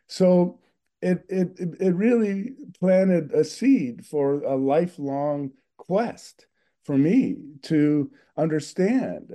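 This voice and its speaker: Older man, very dark mellow voice, earnest, thoughtful, interview guest. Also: medium pitch. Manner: thoughtful, earnest, with frequent fillers. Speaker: guest filmmaker. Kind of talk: reflective interview talk.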